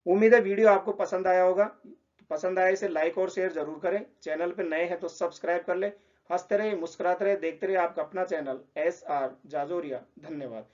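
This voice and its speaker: A man's voice: high voice, a little fast, darkish tone, dull audio. A man explaining a lesson, patiently repeating example words. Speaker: teacher.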